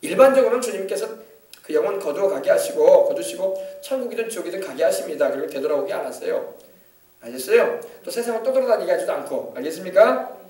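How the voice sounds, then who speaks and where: A man's voice: high voice, expressive, fast talker, darkish tone, roomy sound, distant mic. A male pastor preaching a sermon with emphasis, often asking the congregation to confirm. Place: church sanctuary.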